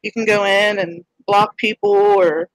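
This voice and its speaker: A woman's voice: medium pitch, level tone, a little slow, no room sound, low-quality recording. A woman co-hosting a casual livestream chat over a video call, rambling and hesitant with many restarts. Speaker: channel owner and co-host.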